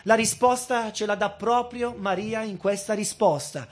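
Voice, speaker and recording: A man in his thirties preaching a sermon, earnest and emphatic, slowing down to stress key words. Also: high-pitched, steady tone. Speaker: guest preacher.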